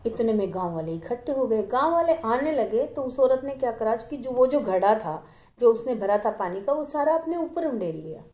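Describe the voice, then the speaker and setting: A woman with a high voice tells a moral story to her viewers in an earnest, preachy, lively way. She speaks as a vlogger and keeps coming back to the lesson. The room around her is echoey. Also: moderate pace.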